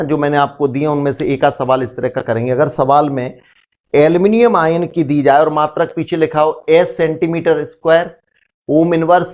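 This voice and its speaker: A man's voice: a little high, a little mellow. A man teaching a chemistry lesson, explaining step by step, asking the class questions and calling his students "beta". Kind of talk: classroom lecture.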